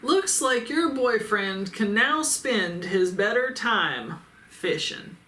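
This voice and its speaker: A YouTuber who reviews adult toys, this Midwestern woman reads her viewers' comments in a casual vlog, sarcastic, blunt and swearing freely. Her mid-range voice is expressive and slow with a sharp tone, and there's slight background noise. The recording has a roomy echo and faint ambience.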